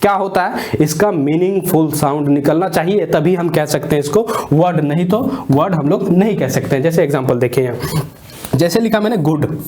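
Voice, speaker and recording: A man's voice: on the high side, fairly quick, mellow. A man teaching an English class. He asks the class questions, answers them himself, and repeats key points often. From India. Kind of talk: classroom lecture. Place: classroom, standing.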